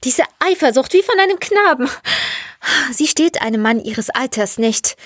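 A woman reading the part of a passionate, stubborn woman who speaks emphatically and high. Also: lively intonation, moderate pace, no echo, clean studio sound. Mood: indignant.

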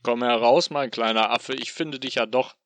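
A man voicing a sadistic, mocking male machine demon in an audio drama, taunting in a drawn-out, sing-song way. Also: medium pitch, fairly even intonation, fairly bright tone, dry recording, lightly acted.

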